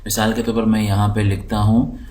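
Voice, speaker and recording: A man teaching English, explaining slowly and patiently while walking through dictionary and translation tools on his screen, often repeating words for learners. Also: on the low side, monotone, mellow, slight background noise. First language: Urdu. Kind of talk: screen-recorded lesson.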